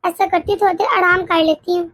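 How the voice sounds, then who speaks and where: A woman voicing a timid, exhausted pregnant young daughter-in-law in an animated story, speaking meekly with stammers. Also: very high-pitched, fast talker, no echo. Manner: meek, hesitant, stammering.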